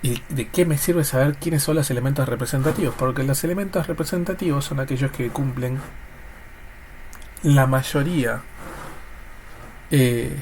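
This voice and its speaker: A man's voice: mid-range voice, normal speed, long pauses, a little mellow. A man with a Rioplatense accent and a congested, snotty nose, teaching informally in a colloquial, jokey way. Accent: Rioplatense Spanish. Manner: colloquial, jokey, voices students' questions and answers them. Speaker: chemistry teacher. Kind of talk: informal recorded lesson. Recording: clear background noise. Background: noise.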